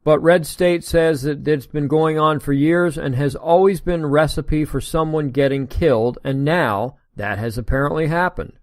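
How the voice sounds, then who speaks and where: An American man with a slightly high voice hosts a solo podcast, reading an article aloud at normal speed with hardly any pauses. Between read passages he breaks into sarcastic, indignant asides, and the studio recording is clean with no echo.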